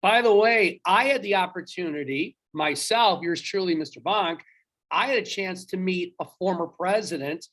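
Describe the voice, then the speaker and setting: A man's voice: high-pitched, normal speed, a bit bright. A man teaching history in a recorded lecture, talking straight to his students and stopping to quiz them on trivia. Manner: chatty, talks straight to students, quizzes them.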